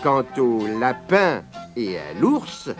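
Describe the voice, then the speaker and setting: A man reading a children's story aloud in an expressive, animated way. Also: medium pitch, slow pace, soft background music.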